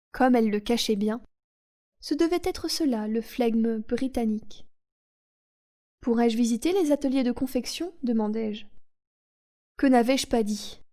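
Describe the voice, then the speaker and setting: Woman audiobook reader, calm soothing delivery, fairly high voice, mellow dark tone.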